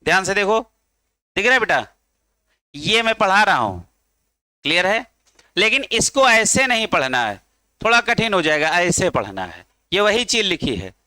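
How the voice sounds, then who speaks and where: A man's voice: sits high, very animated, normal speed, long pauses, bright, forceful tone, no room sound. A male chemistry teacher giving a classroom lecture, coaxing his students and drilling them to chant along.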